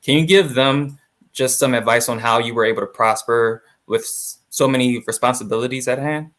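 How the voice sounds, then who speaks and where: His voice is mid-range and fairly bright, moving at a normal pace. A young man serving as associate producer reads a scripted introduction, then interviews a guest in a friendly way, leaning on fillers like "like" and "awesome."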